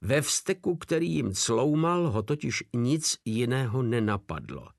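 A man narrating an audiobook in a steady storytelling manner. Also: mid-range voice, gravelly, dry recording, clean studio sound.

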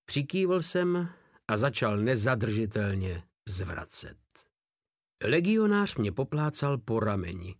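A man's voice: lowish voice, sing-song, dry recording, clean studio sound. A man narrating a war novel in the first person with a grim, dramatic reading. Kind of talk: audiobook narration.

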